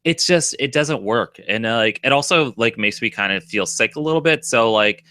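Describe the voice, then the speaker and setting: Bright-voiced man rambling on a video call. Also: mid-range voice, lively intonation, moderate pace. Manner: rambling, heavy on filler words. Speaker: co-host. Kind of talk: casual geek chat.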